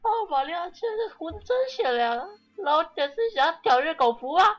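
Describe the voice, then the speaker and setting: A man voicing a squeaky game townsperson in an exaggerated falsetto, reading its lines aloud. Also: very animated, fairly quick, lo-fi sound, soft background music. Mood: excited. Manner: exaggerated falsetto, sing-song.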